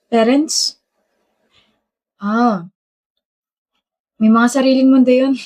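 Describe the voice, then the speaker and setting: A woman's voice: medium pitch, a little mellow. A woman acting in a romantic comedy skit, trading teasing, playful banter.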